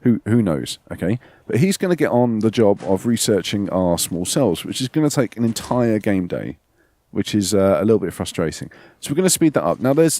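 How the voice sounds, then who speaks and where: Low-voiced man rambling over gameplay. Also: dark tone. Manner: rambling, repeats words, frequent "okay?" tags. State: sore throat. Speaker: let's play host. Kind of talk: casual gameplay commentary.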